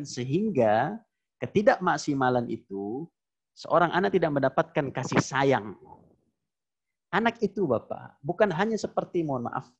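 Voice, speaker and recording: A male Islamic preacher giving a religious lesson to a congregation, speaking emphatically, repeating phrases and breaking into high exclamations, with Arabic verses recited between his explanations. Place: Islamic boarding school lecture. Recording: dull lo-fi recording.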